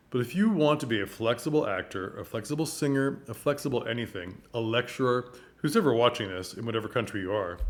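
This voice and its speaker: Emphatic man talking to camera. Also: mid-range voice. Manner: emphatic and expressive, leaning hard on key words. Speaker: vlogger and performing arts commentator. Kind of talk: casual talk to camera. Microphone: microphone.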